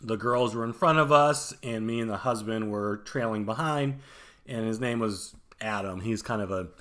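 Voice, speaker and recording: A man's voice: lowish voice, normal speed, a bit bright. A man in his thirties telling a self-mocking story in a casual, chatty vlog. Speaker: vlogger.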